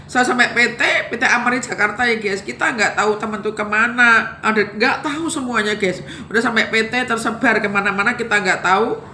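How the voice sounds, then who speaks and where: This middle-aged Javanese woman from Java, Indonesia, speaks in a slightly high, bright, forceful voice at a brisk pace, recorded in a reverberant space with slight background noise. She casually recounts her life to viewers, turning emotional and often addressing them as "guys."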